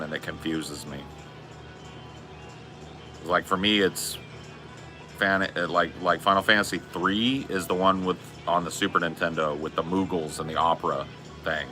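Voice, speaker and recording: A man's voice: deep voice, sharp tone. A man in his forties chatting casually on a live stream, laid-back and slangy, swearing often. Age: 40s. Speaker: streamer reading chat.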